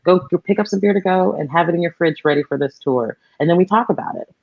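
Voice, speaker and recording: A man's voice: on the high side, fast, vocal fry. A man as a podcast guest, talking casually and enthusiastically about beer tasting, full of fillers. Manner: enthusiastic, explains with many fillers like "like". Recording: dull, muffled lo-fi sound.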